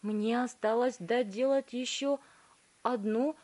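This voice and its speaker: Eccentric storybook inventor played by a woman: a man who is eager, fussy and pleading, with a raised, slow voice. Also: a little high, steady tone, darkish tone, voice pushed up. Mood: excited, pleading. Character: eccentric male candy inventor, excitable and fretful.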